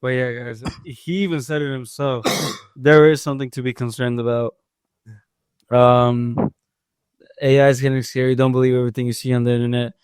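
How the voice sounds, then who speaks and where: A man's voice: mid-range voice, level tone, moderate pace, a little mellow, smooth, dry recording, studio quality. A young man co-hosting a casual podcast, talking hesitantly with many fillers. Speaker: podcast co-host. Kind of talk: casual chat.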